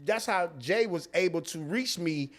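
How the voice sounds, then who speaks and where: A man's voice: high voice, expressive, a little slow, a bit bright. A man with a St. Louis accent chatting candidly on a podcast as a comedian guest, slangy and profane, repeating phrases for emphasis. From St. Louis, United States. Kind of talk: candid casual podcast chat.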